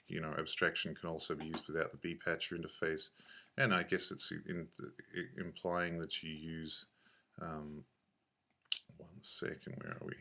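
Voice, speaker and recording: A software tutorial instructor narrates an unscripted screencast in a low, flat, creaky voice. He thinks aloud haltingly, correcting himself as he goes.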